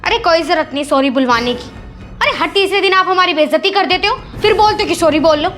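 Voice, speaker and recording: Woman as a very high, bright-voiced bitter sister-in-law, sarcastic and taunting, faint music. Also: fast. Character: resentful elder sister-in-law, bitter and complaining. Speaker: actor in a family comedy skit. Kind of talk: scripted family comedy scene.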